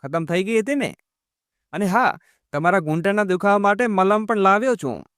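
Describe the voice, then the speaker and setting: A man voicing a patient, devoted grown son who speaks gently in a storybook reading. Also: high voice, expressive, normal speed, clear, resonant tone, dry recording, clean studio sound. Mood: affectionate.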